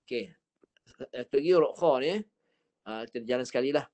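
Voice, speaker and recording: A man with a Malaysian Malay accent teaching Quran recitation online, patiently coaching a student and slowly demonstrating each sound. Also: medium pitch, darkish tone. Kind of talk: online Quran reading lesson.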